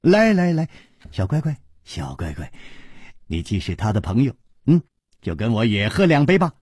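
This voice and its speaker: A man putting on a genial hero from a storybook tale, laughing and bantering in a husky voice that rises and falls widely. He sounds witty and at ease. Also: fairly low pitch, very animated, measured pace, darkish tone, no echo, clean studio sound, exaggerated voice. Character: famous genial male hero, cheerful and witty.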